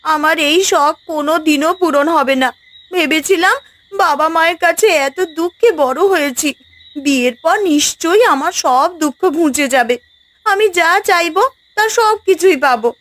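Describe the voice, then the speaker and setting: A woman's voice: high-pitched, normal speed, fairly bright tone. A woman voicing a covetous young village wife in a cartoon, complaining and full of self-pity. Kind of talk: cartoon voice acting.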